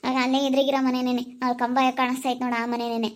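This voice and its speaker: A woman's voice: high-pitched, level tone, rapid-fire, natural voice. A woman playing a talkative middle-aged village mother who gossips and pleads, in an amateur family skit. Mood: gossipy.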